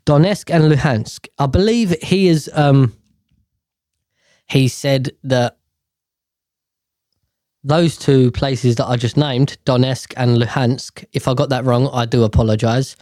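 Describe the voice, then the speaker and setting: A man's voice: mid-range voice, fairly even intonation, slow, long pauses, warm tone, dry recording, studio quality. A man hosting a podcast, reading the news aloud in a stumbling way and rambling off into irreverent, swearing asides. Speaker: podcast host. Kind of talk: casual chat while reading news aloud.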